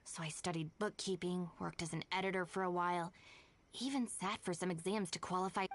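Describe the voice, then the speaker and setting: A woman's voice: fairly low pitch, fairly even intonation, brisk, a little hiss or hum, natural voice. A woman playing a reserved, practical young anime game character who speaks in a matter-of-fact, polite, composed way. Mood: weary, candid. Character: reserved young masked woman, former shrine maiden, dryly practical. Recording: background music under the voice.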